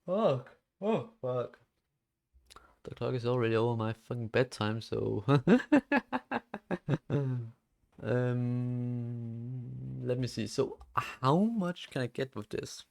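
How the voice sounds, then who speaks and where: A man's voice: medium pitch, animated, slow, creaky, pauses often, a little mellow. An eighteen-year-old man streaming live, chatting casually while he codes, rambling with lots of "like" fillers and frequent swearing.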